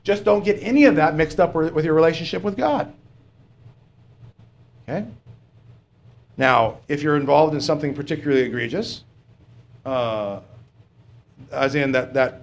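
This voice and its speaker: Preaching in a plain, halting manner, a middle-aged man with a somewhat high voice fills his sermon with rhetorical questions and pauses on fillers.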